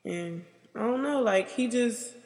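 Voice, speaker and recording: A young American woman telling her life story in an interview, halting and rambling, with "like" in nearly every sentence. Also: on the high side, darkish tone. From United States. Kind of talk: personal interview. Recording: long reverb.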